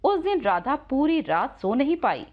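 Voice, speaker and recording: A woman telling a moral story with lively, expressive narration. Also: high-pitched, unhurried, muffled recording.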